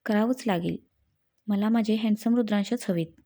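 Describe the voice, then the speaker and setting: A woman's voice: mid-range voice, normal speed, mellow, natural voice. A woman voicing a loving, playful young wife in a storybook reading, sweet and mock-stern. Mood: affectionate.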